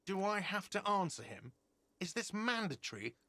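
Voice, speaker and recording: A whiny, irritable cafeteria manager in a video game. His bright voice jumps about in pitch, always defensive and exasperated. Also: sing-song, moderate pace, full character voice. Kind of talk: video game character dialogue.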